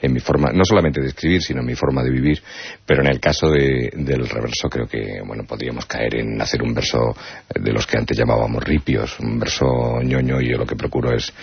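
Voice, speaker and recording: A man's voice: a bass voice, steady tone, a little fast, gravelly, breathy edge, no room sound. A man, a guest poet, talking reflectively in a radio interview, often tagging his points with a questioning "no?". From Spain. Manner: reflective, wordplay-loving, frequent rhetorical "¿no?". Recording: dull radio broadcast sound.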